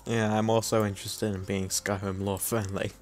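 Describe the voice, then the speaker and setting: A man's voice: on the low side, flat delivery, moderate pace, soft background music. A young man streaming a visual novel with friends, reading the game text aloud and laughing along.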